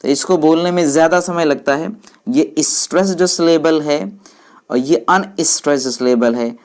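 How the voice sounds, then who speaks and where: A woman teaching English, explaining each point slowly and repeating English phrases in Hindi while speaking to viewers as friends. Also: low voice, darkish tone.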